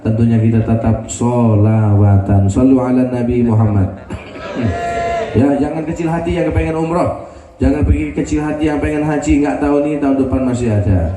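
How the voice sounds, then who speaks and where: A male preacher giving an animated sermon, acting out the people in his stories. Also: medium pitch, moderate pace, background noise. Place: religious gathering. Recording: roomy sound from a distant mic.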